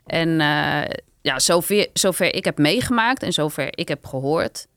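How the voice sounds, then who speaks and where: A woman's voice: sits low, animated, unhurried, fairly bright tone, no room sound, studio quality. A woman chatting as a guest about her time as a contestant, agreeing often with short yeses. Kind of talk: casual chat.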